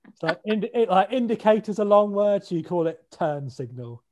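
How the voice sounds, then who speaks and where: Dry-toned British man, mellow voice. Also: high voice, animated, fairly quick, a little hiss or hum. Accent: British English. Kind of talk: casual chat.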